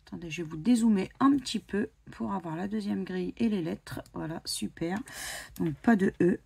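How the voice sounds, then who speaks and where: A woman's voice: medium pitch, normal speed, gravelly, a little mellow, slight background noise. A woman from France chatting casually as she scratches lottery tickets, spelling out letters one by one with many hesitations. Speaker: scratch-card YouTuber. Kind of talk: casual commentary while playing scratch cards.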